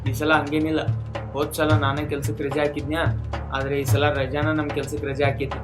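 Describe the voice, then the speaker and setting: A man playing a quick flat-voiced friend. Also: a little high, music in the background, close to an everyday voice. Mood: hurried. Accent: North Karnataka Kannada. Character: young man, friend arriving by train. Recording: loud film score under the dialogue.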